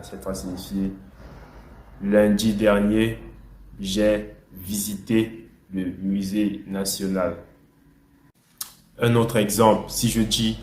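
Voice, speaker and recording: A young man gives a slow, patient language lesson in a low, fairly flat voice. He repeats each word so learners can say it back. The recording has a noticeable room echo. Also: a little hiss or hum. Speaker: English and French teacher. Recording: echoey room.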